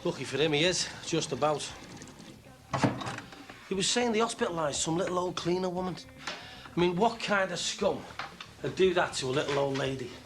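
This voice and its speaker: A man's voice: fairly high pitch, animated, normal speed, pauses often, over music, natural voice. An actor playing a cheerful, cocky working-class man with a Liverpool accent, full of jokey banter. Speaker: best man. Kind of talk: TV soap acting.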